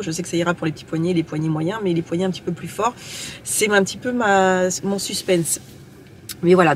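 Brief: woman from France, casual on-the-go vlogger, rambling, mid-pitched, handheld cam, faint noise behind. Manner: chatty, rambling, breaks off mid-sentence. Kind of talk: casual vlog. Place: moving between a car, a supermarket and home. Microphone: handheld camera.

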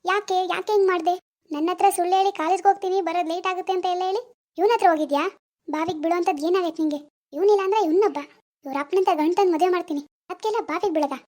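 A woman playing a strict, quick-tempered village mother, scolding fast and loud in a village drama. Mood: reproachful. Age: middle-aged. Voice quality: shrill, scolding.

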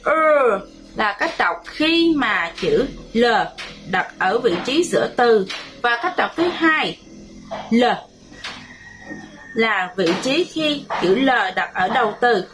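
A woman with a Vietnamese accent, a primary school English teacher, leading a bilingual children's lesson with slow, clear repeat-after-me drills. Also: on the high side, sing-song, music in the background.

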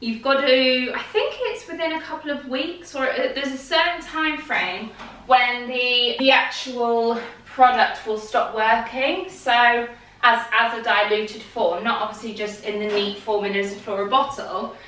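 In her living room, a young British woman cleans, decorates, and chats in an upbeat way, getting startled easily. Her unhurried, higher voice has a sharp tone, and the far-off camera mic adds a roomy feel plus a little hiss or hum.

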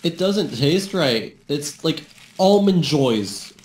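A man's voice: a little high, animated, takes it slowly, darkish tone. A young man talking casually as a podcast guest, stammering with lots of fillers and giggling often. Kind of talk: casual chat. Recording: roomy mic with faint background noise.

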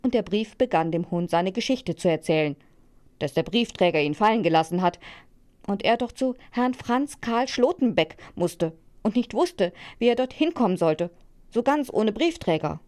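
A woman narrating a children's fairy tale in a calm storytelling voice. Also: mid-range voice, moderate pace.

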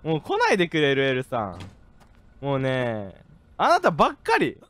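A man streaming a game, commenting excitedly, jumping from low mutters to rough joking shouts at the characters. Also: moderate pace. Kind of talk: gaming live-stream commentary.

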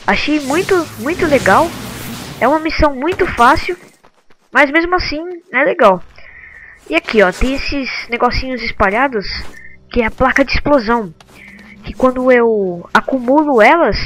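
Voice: high voice, moderate pace, fairly bright tone, low-quality recording. A Brazilian game video host giving casual, slangy commentary, thinking aloud while playing.

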